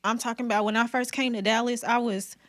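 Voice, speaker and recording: A woman's voice: fairly high pitch, fairly even intonation, fast, a bit bright. A woman hairstylist, a podcast guest, talking candidly and emphatically about her work, money and faith. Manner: emphatic, faith-filled storytelling. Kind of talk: candid conversation.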